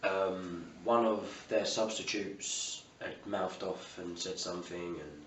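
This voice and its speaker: A male football manager with a south-east English British accent gives a post-match interview in a low, matey voice, speaking slowly and colloquially with frequent "you know". He's recorded on a distant mic, so the sound is roomy with faint ambient noise.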